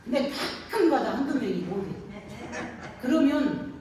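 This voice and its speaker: Woman pastor, folksy call-and-response sermon, slightly high voice, distant mic in a reverberant room. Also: expressive, normal speed, mellow. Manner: folksy storytelling, frequent call-and-response questions. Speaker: pastor at an elder care center. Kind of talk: sermon to elderly congregation. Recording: echoey room, distant mic, faint noise.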